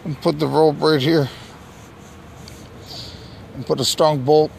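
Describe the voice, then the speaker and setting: With a fairly high yet gravelly and slightly mellow voice, a vlogger narrates casually while filming a magnet fishing trip at night. His intonation stays fairly even and his pace slow. He's on a bridge walkway, using a handheld camera or phone, and the audio is noisy with an ambient hum.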